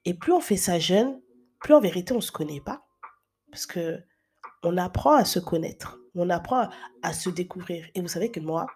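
A woman in her thirties talks through relationship advice in a loose, chatty way. Her voice sits a little low and has a breathy, husky grain. She often pauses on filler sounds and restarts her sentences. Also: animated, darkish tone. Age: 30s. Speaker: advice vlogger. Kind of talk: casual advice talk.

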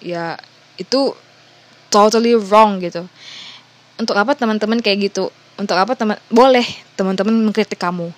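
A woman's voice: medium pitch, normal speed, pauses often. A woman talking casually and directly to the listener, going through a list of points and reading some of them out. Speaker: advice talker. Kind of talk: casual advice talk to viewers.

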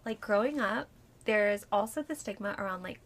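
A woman in her thirties telling a story in casual chat, animated, swearing freely and often breaking into laughter. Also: medium pitch, moderate pace. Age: 30s. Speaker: friend recounting her engagement.

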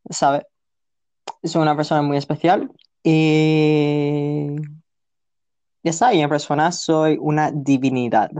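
A man's voice: a little high, steady tone, slow pace, pauses often, a little mellow. A man who is a podcast guest, talking in a laid-back, joking way in a casual interview.

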